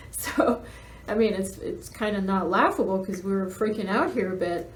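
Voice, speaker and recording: A woman's voice: medium pitch, measured pace. A middle-aged woman who hosts holiday rentals, telling a frustrating story in a casual video rant and acting out what others said to her. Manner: exasperated storytelling, animated quoting of others. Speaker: real estate investor and Airbnb host. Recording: echoey room with faint ambient noise.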